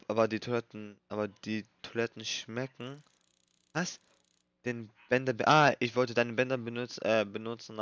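A man's voice: on the low side, fairly bright tone, clear, resonant tone, no room sound. A young man doing nervous, swearing let's play commentary in street slang, reading game text aloud as he plays. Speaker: gaming streamer. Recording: dull lo-fi mic, dry.

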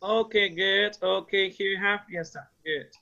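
A man's voice: high voice, unhurried, vocal fry, bright, forceful tone. A man with a Peruvian Spanish accent teaching English to young pupils, cheerfully switching between Spanish and English and repeating words. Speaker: primary school English teacher. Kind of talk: bilingual classroom lesson. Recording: lo-fi, muffled audio.

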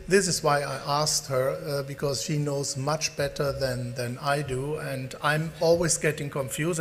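An older man talks from a podium in a big conference hall, his fairly high voice trailing off into long reverb. He speaks slowly, pausing and restarting often as he works through his point. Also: a bit bright. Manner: slow, hesitant, many restarts. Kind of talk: panel discussion. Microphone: podium mic.

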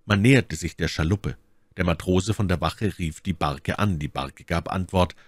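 A man reading a classic novel aloud as a narrator, with expressive, dramatic narration. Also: low-pitched, normal speed, no room sound, studio quality. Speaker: audiobook narrator.

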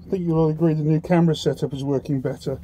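A man's voice: a little high, steady tone, rapid-fire, mellow, slight background noise. A man hosting a casual hands-on painting tutorial, slightly muffled as if through a mask, thinking aloud in a self-deprecating way. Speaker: miniature painting video host. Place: indoor painting studio.

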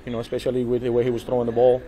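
A man in his forties, a baseball manager at a postgame press conference, speaking in a measured, halting way at a table mic in a small press room. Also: mid-range voice, monotone, dark tone, rough recording. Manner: measured, halting, repeats words and fillers. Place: small press room before a sponsor backdrop. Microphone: table mic in front of him.

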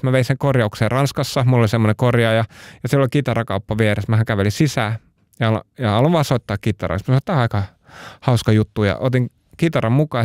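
A man's voice: medium pitch, darkish tone, smooth, no room sound, clean studio sound. A Finnish man, a talk show guest, telling his story in a rambling casual way with many restarts. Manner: rambling, frequent restarts and fillers.

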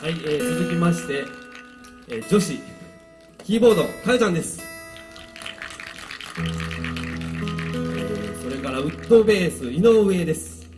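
Man on stage mic, polite joking band MC, slightly high voice, live outdoor recording, guitar behind. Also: sing-song, a little slow, long pauses. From Japan. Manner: polite, joking, laughs between phrases. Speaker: band vocalist introducing members. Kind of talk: casual stage MC at a live show.

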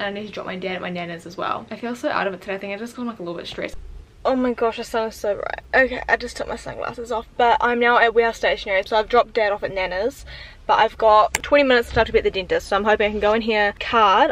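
A woman's voice: mid-range voice, fairly bright tone, a little hiss or hum, low-quality recording. Chatty young New Zealand woman vlogging. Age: young adult. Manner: chatty, rambling, heavy use of "like" and "obviously". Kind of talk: casual vlog chat to camera.

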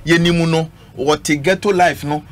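Speaking a little slowly with fairly even intonation, this middle-aged man has a voice on the high side and a Ghanaian accent. As a guest on a radio panel discussing politics, he makes emphatic points, repeats his phrases and code-switches. He's recorded on a stand-mounted studio mic in an indoor studio, in a noisy live stream.

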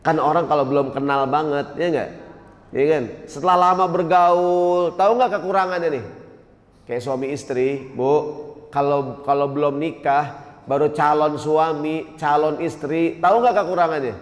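A man, pitched slightly high, delivers a humorous sermon and slips into small acted scenes. His voice carries through an echoey mosque hall with a long reverb tail. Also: normal speed. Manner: lively, jokes and acts out little scenes. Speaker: preacher.

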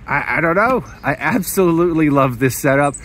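Animated and fairly bright, his voice on the high side at a moderate pace, a man gives an easygoing, hands-on demo as a hobbyist vlogger. The setting shifts between a parked vehicle and a driveway, with clear car and outdoor noise behind him.

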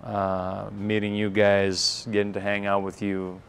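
A man's voice: lowish voice, monotone, unhurried, a bit bright, clean tone. A man speaking earnestly in a behind-the-scenes film interview about teamwork. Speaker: film crew member interviewee.

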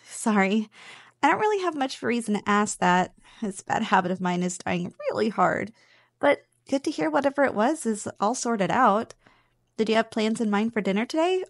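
In a casual ASMR roleplay, a woman with a fairly high voice plays a playful slime girl roommate, carrying a one-sided conversation. She is teasing and chatty, chuckling as she talks. The recording is studio quality with no room sound.

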